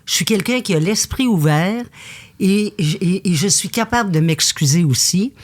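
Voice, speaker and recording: A woman's voice: mid-range voice, moderate pace. A woman from Quebec, a guest in a candid conversation who tells her stories with intensity. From Quebec, Canada. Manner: intense, animated storytelling.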